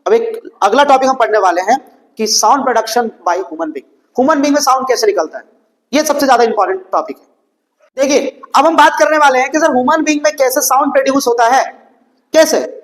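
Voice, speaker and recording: A man's voice: very high voice, a little fast, rough recording. A man teaching a school science lesson, asking questions and answering them himself, with English textbook phrases mixed into his explanations.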